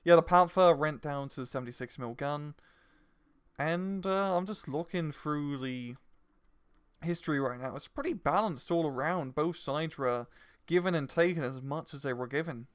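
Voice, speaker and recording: A man co-casting a strategy game replay, giving relaxed analytical commentary with many fillers. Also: on the high side, moderate pace, clear, resonant tone. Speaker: game caster.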